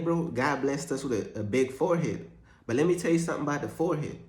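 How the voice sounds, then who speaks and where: Jokes and preaching intermingle as a young Ugandan man speaks casually and with slang in a faith vlog monologue. His voice is a bit high for a man, and there's noticeable echo in the room.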